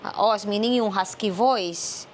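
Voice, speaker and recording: A Filipino mother leads a reading lesson at home. She talks in an unhurried, patient way and keeps checking that her child follows, mixing English into her Filipino. A faint background hiss sits beneath her voice. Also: mid-range voice. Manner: patient, mixes English into Filipino, prompting questions.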